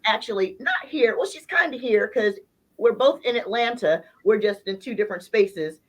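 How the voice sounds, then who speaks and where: A woman's voice: on the high side, animated, rough recording. A woman hosting a casual interview chat in a playful, slangy way. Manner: playful, slangy, drawn-out emphasis. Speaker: podcast host.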